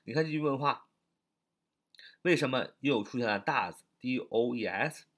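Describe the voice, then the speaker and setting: A man's voice: medium pitch, animated, measured pace, a bit bright. A man teaching a spoken English lesson, explaining patiently, repeating phrases and using many fillers.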